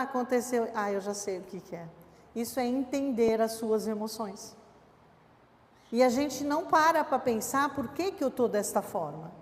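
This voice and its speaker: A woman's voice: fairly high pitch, slight background noise. A woman giving a conversational church teaching talk, acting out what people say to her. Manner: conversational, acts out quoted people. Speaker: church speaker on emotional health. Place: church hall. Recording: long church hall reverb.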